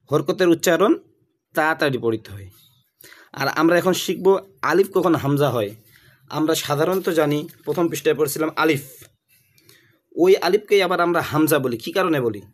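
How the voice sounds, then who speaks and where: A man teaching a beginners' Quran reading class, drilling letter sounds aloud and addressing viewers as dear friends. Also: fairly high pitch. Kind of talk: slow recited lesson.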